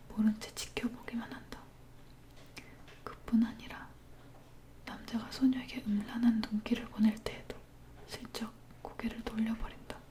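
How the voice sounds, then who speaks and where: A woman leaning in close to the ear microphone, reading a dark story aloud in a breathy, hushed ASMR whisper. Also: fairly high pitch.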